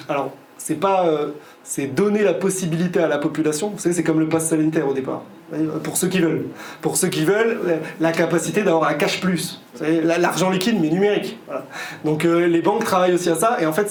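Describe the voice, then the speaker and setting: A man's voice: fairly high pitch, darkish tone. A man giving a conference talk to a live audience. He hesitates a lot, with frequent fillers and repeated words, and slips in sarcastic, ironic asides. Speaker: guest lecturer. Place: conference hall. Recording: echoey hall, faint room noise.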